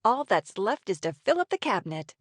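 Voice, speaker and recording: A woman's voice: medium pitch, big pitch swings, brisk, soft background music, close to an everyday voice. A woman playing a wry, affectionate novelist heroine in a story game, with a playful conversational manner. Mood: cheerful. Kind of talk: scripted game story dialogue.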